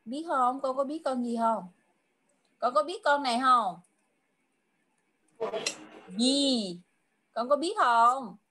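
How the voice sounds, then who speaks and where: A woman with a high, bright voice gives a child an online English lesson. She coaxes patiently and asks the same question again and again. Her English clues come out slowly and are drawn out word by word. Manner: coaxing, repeats questions patiently. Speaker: tutor.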